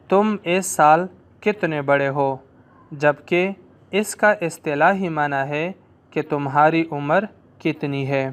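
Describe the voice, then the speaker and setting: A man with an Urdu accent teaching a language lesson, explaining slowly and repeating phrases for students to drill. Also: fairly high pitch, smooth.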